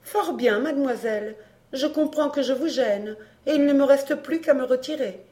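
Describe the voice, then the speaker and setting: A woman reading an audiobook, voicing a haughty, overbearing middle-aged mother with a sharp, peremptory manner. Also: sits high, moderate pace, voice pushed up, lightly acted.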